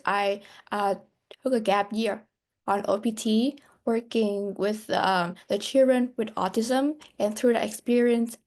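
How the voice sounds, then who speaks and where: A woman from Vietnam introducing herself as a student on a webinar panel, gently and with hesitations, over a video call. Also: medium pitch.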